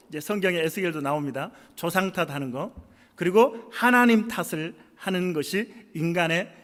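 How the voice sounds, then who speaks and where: A middle-aged male pastor delivers a sermon with a high, ringing voice. He builds up impassioned rhetorical questions, and the church hall gives every word a long echo. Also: a bit bright. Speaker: senior pastor. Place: church sanctuary.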